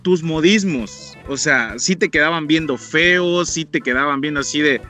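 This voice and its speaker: A man's voice: fairly high pitch, normal speed, sharp tone, soft background music. A man with a Mexican accent hosting a casual interview, rambling with plenty of fillers and restarts. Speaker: host interviewing a guest.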